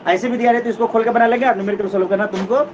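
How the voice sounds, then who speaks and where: Speaking very fast in a steady, high-sitting voice, a male physics teacher lectures his classroom. He goes through things step by step, restates the key points and makes sure students keep up, all captured in a distant, dull, noisy recording.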